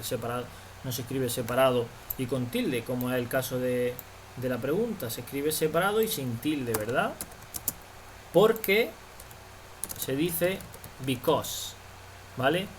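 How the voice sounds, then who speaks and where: A man's voice: medium pitch, slight background noise, low-quality recording. A man teaching a language lesson, explaining patiently and checking understanding again and again. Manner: slow, patient explaining with frequent "vale?" checks.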